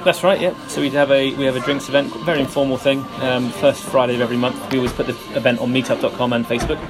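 Quick Home Counties man over loud music. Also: medium pitch, little pitch movement, low-quality recording. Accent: Home Counties English. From Hertfordshire, England. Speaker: interviewed guest, meetup organiser. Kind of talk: casual interview chat.

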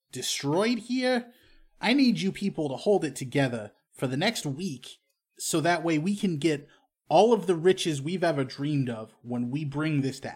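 A man's voice: a little high, slightly rough. A man playing an exasperated crime crew leader in a tabletop game, stern and lecturing.

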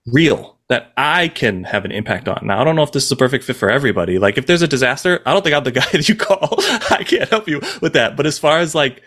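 A man co-hosting a podcast, speaking thoughtfully and hesitantly, often pausing to find his words and filling gaps with "like". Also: mid-range voice, animated, a bit bright. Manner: frequent filler "like". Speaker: podcast co-host. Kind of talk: casual podcast chat.

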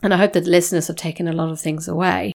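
Lady podcast host, low gravelly voice, thoughtful, reflective chat. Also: fairly even intonation, very fast, a little mellow. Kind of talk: podcast interview.

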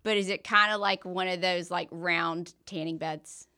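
A woman's voice: fairly low pitch, fairly even intonation, moderate pace, pushed and bright. A woman with a Southern US accent co-hosting a podcast, chatty and curious, asking lots of questions. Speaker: podcast co-host. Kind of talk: casual chat.

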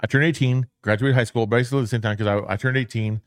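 A man's voice: mid-range voice, fairly even intonation, very fast, no room sound, studio quality. A man in his late thirties co-hosting a podcast, chatting casually in a rambling, profane way that keeps correcting itself. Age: 30s. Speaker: podcast co-host. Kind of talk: casual chat.

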